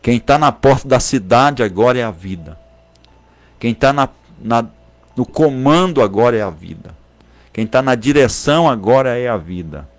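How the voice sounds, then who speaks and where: A man's voice: mid-range voice, animated, moderate pace. A man preaching a sermon in a Brazilian Portuguese accent, repeating phrases for emphasis and at times speaking in tongues. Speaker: pastor.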